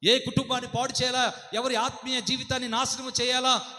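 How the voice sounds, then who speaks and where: A man's voice: very high voice, level tone, brisk, pushed and bright. A man preaching a sermon with a Telugu accent, fervent and asking the congregation question after question. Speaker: pastor. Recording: long hall reverb.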